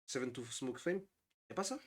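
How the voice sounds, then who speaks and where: A young man hosting a live reaction stream, chatting casually and teasing his co-host, sometimes breaking into excited shouts. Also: medium pitch, fairly quick.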